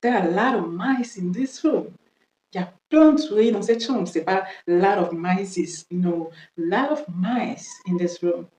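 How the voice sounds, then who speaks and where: A woman's voice: medium pitch, warm tone, reverberant, low-quality recording. A woman teaching English in French who drills each word by repeating it several times. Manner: slow, drills words by repeating them. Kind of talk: French-language English lesson.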